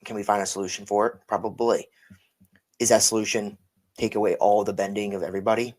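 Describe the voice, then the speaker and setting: A man's voice: lowish voice, little pitch movement, fast, darkish tone. A tired man co-hosting a casual podcast chat, rambling and correcting himself as he goes. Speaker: podcast co-host.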